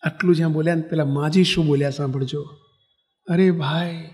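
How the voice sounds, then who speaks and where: A monk delivers a sermon as an unhurried story, speaking in a notably high voice for a man. He speaks conversationally and stops to fix his own slips. He addresses his listeners directly as he tells it. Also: steady tone, a little mellow, big-room sound. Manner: conversational, corrects himself mid-sentence. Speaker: monk and spiritual leader.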